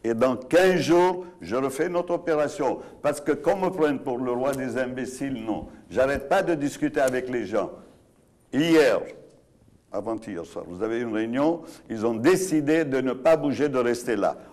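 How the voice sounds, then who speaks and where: A man's voice: mid-range voice, lively intonation, moderate pace, a little mellow. A man arguing as a guest in a live panel debate, blunt, insistent and emphatic. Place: broadcast studio set.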